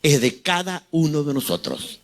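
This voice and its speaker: A man's voice: a little high, big pitch swings, moderate pace. A man in his sixties with a Chilean accent preaching a fervent sermon, asking the congregation rhetorical questions. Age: 60s. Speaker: pastor.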